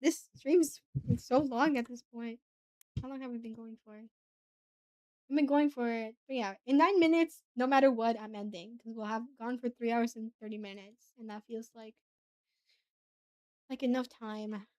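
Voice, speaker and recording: High-voiced young woman streamer. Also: moderate pace, warm tone, no room sound, muffled recording. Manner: chatty, self-deprecating, many fillers. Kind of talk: casual streaming chat and narrating a visual novel.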